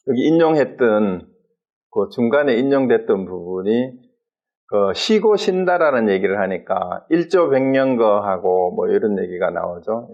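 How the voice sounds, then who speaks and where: A man's voice: mid-range voice, a little mellow. A man lecturing on Buddhist texts, explaining terms step by step and acting out quoted exchanges. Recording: dull lo-fi sound.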